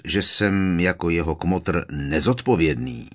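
A man reading aloud, voicing an impatient, defiant grown man who answers coldly and curtly. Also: sits low. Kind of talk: audiobook character voice.

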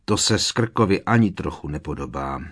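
A man narrating an audiobook in a steady, measured storytelling voice. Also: very deep voice, breathy edge. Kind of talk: audiobook reading.

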